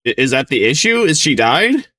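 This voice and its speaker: A man's voice: medium pitch, very animated, normal speed, sharp tone. A man streaming casual reaction commentary, rambling in a bemused, hesitant way.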